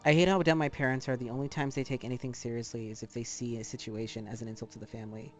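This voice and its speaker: A man talking casually and with some swearing as a streamer who draws live, rambling in an animated way. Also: medium pitch, rapid-fire, faint music behind. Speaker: streamer drawing art live. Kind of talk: casual livestream chat while drawing.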